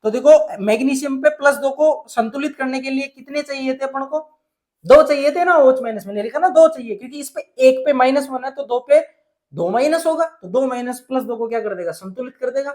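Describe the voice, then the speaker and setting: A man's voice: very high-pitched, brisk, a little mellow. A male teacher from Rajasthan explaining a chemistry lesson step by step, often asking a question and then answering it himself. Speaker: science teacher.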